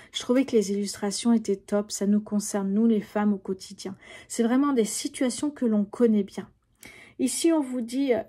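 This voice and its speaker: A middle-aged tarot reader chats casually with viewers during a reading, speaking to them directly and filling her talk with fillers and asides. Her voice is fairly high-pitched and mellow.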